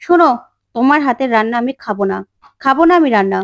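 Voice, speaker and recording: A woman's voice: fairly high pitch, expressive, quick pace, dry recording, studio quality. A woman doing a stern angry father-in-law. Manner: curt, scolding.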